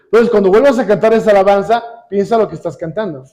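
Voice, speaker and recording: A man with a Mexican accent preaching a sermon, constantly asking the congregation questions and pausing for them to finish his sentences. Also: sits high, warm tone. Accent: Mexican Spanish. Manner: calls on the congregation with repeated questions.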